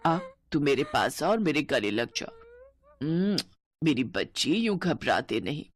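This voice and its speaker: A woman voicing a gentle, loving middle-aged mother-in-law in a cartoon story, speaking in a soft, soothing way. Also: deep voice, sing-song, a little slow, pitched below the performer's own voice, full character voice.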